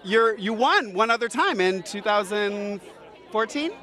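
A man with a high, bright voice hosts red carpet interviews in a gushing, chatty way. He talks into a handheld mic outdoors, with crowd chatter behind him. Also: expressive, measured pace. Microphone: handheld microphone.

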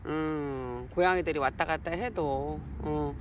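A woman's voice: low voice, unhurried, slight background noise. Woman cooing to her cats outdoors. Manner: coos and baby-talks to her cats, then explains calmly to viewers. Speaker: cat owner filming her pets. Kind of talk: casual outdoor vlog narration. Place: outdoors on a hillside garden near a road.

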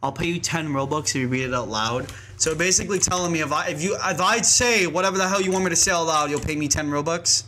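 A man's voice: fairly high pitch, quick pace, hardly any pauses, sharp tone, slight background noise. A man live-streaming a game, chatting casually and rambling with lots of fillers and laughs.

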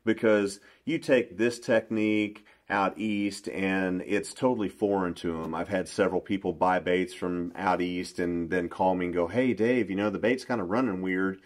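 A middle-aged man, a bass fishing pro, explaining his baits in a casual, folksy interview with plenty of restarts, recorded in a small room. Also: fairly even intonation, moderate pace, hardly any pauses. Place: small indoor room at a table.

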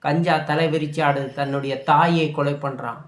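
A man ranting in anger about politics, scolding and shouting at his listeners. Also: fairly high pitch, fairly even intonation, normal speed, roomy sound. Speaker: political commentator. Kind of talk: angry political rant.

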